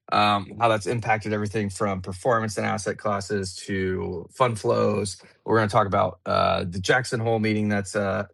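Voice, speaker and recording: A low-pitched man hosts a live audio panel in a loose, chatty way, often restarting his sentences. The sound is dry and close, with no room around it. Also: creaky, dry recording. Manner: relaxed, chatty, many fillers and restarts. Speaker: host. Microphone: remote audio call.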